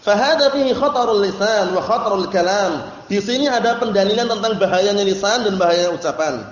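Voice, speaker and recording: A man's voice: high voice, a little fast, roomy sound, big-room sound, dull audio. A man giving a religious study lecture, explaining terms patiently and checking that his listeners follow. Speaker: religious teacher.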